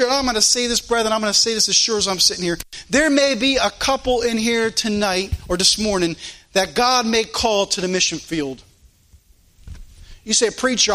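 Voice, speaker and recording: Preaching in the church sanctuary, a male pastor uses a voice that sits high and sounds sharp. The live stream recording catches his fervent, emphatic delivery and frequent rhetorical questions.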